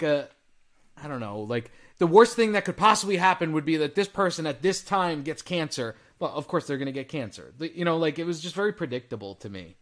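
Rambling man with a higher voice. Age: about 40. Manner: rambling, many "like" fillers. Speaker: podcast co-host. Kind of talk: casual chat.

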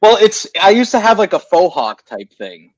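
A man's voice: sits high, sing-song, normal speed, dry recording, low-quality recording. A man co-hosting a talk radio show, telling a rambling story in casual chat and correcting himself as he goes.

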